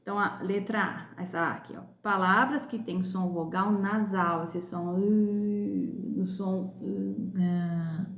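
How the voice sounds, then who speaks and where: A woman from Brazil teaching young pupils in a recorded class lesson, sounding out words slowly and clearly. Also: medium pitch, fairly even intonation, echoey room. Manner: slow, clear, drawn-out pronunciation of sounds. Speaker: primary school teacher.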